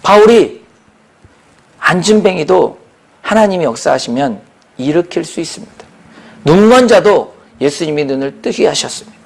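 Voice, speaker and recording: A man, a pastor, preaching a lively sermon that jumps from shouts to near whispers and acts out the voices of the people in his story. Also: a little high, normal speed, gravelly, long pauses. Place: prayer retreat hall.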